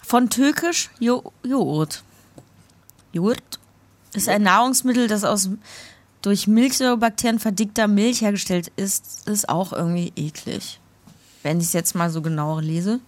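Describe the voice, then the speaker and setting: A woman's voice: mid-range voice, a little slow. A woman co-hosting a casual chat, blunt and playful, often laughing.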